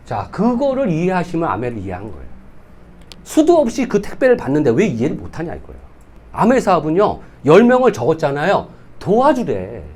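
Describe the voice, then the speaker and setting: A man's voice: high-pitched, darkish tone. A man leading a sales training seminar. He talks emphatically, fires rhetorical questions at his audience and acts out bits of dialogue. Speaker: business team leader giving a seminar.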